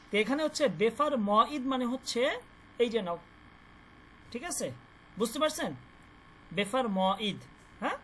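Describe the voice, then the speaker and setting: A woman teaching a language class, repeating each word and often checking that the students understand. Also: high-pitched. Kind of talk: classroom lesson explaining vocabulary. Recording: faint background noise.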